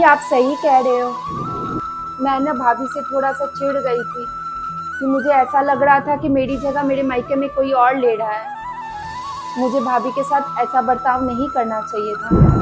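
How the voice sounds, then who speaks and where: A woman playing a jealous married young sister-in-law who talks loudly and sarcastically in a family skit. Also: sits high, expressive, unhurried, pauses often, over loud music. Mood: apologetic. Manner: loud, sarcastic and nagging.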